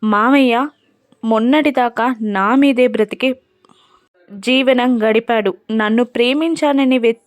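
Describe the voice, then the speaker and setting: A woman's voice: a little high, a little slow, long pauses, dry recording, studio quality, close to an everyday voice. A woman voicing an earnest, reserved young wife in a recap of a television serial.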